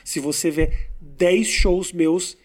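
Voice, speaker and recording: A man with a notably high-pitched voice chats casually with a fellow comedian. He speaks slowly and deliberately, letting pauses do the work. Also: fairly even intonation. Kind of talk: casual interview chat.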